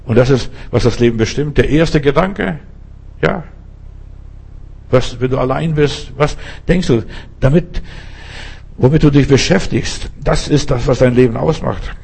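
A man's voice: medium pitch, unhurried, vocal fry, pauses often, a little mellow, slightly rough. A male preacher giving an emphatic sermon, speaking straight to the listener with pointed rhetorical questions.

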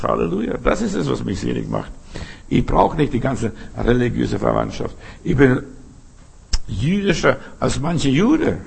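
A man preaching a sermon with fervor, breaking into loud shouted calls to his listeners. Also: medium pitch, vocal fry, breathy edge. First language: German. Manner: fervent, bursts into shouted calls.

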